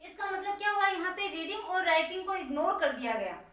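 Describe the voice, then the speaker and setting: High-voiced woman teacher in an echoey room. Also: animated, a bit bright, far from the mic. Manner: explains step by step, dictates key points slowly word by word. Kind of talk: exam-prep lecture on teaching methods.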